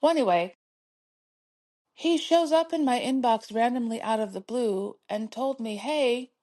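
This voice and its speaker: In her own motivational podcast, a middle-aged woman speaks a little slowly, her voice on the high side with a darkish tone. She laughs often and soothingly encourages her listeners not to give up.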